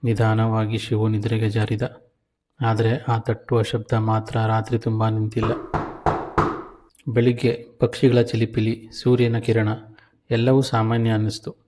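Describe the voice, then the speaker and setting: A man narrating a horror story in a measured, suspenseful way. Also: lowish voice, monotone, dark tone.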